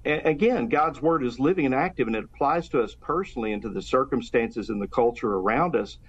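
A pastor, appearing as a guest, talks about faith earnestly and fervently in a casual conversation, frequently restarting his sentences. His medium-pitched voice is expressive with a breathy edge and runs a little fast. The sound is dull and lo-fi.

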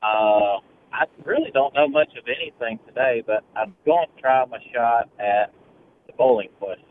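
A man calling in to a radio trivia show, heard over a tinny, metallic-sounding phone line. He speaks in a polite, low-key way. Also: moderate pace, a little hiss or hum. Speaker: caller.

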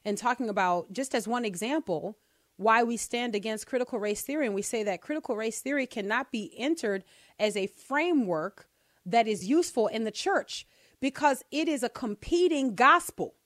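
A woman's voice: fairly high pitch, lively intonation, normal speed, fairly bright tone, dry recording, studio quality. Fervent woman teaching scripture on radio. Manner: emphatic, builds to fervent peaks, repeats phrases for emphasis. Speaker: radio show co-host. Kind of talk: impassioned radio Bible teaching. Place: radio studio.

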